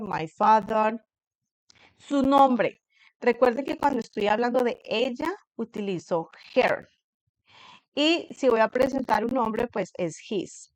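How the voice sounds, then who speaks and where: A woman teacher explaining a class assignment to her students in a patient way, reading English example sentences slowly and carefully. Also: on the high side, no echo, rough recording. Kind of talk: recorded online class explanation. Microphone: computer screen recording.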